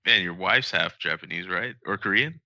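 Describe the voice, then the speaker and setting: A man hosting a podcast in easy, rambling chat, peppered with ums. His voice is low and very bright, recorded dry and close with a slightly dull, lo-fi sound. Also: lively intonation, moderate pace, creaky, no echo. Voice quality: frequent ums, loose rambling delivery. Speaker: podcast host.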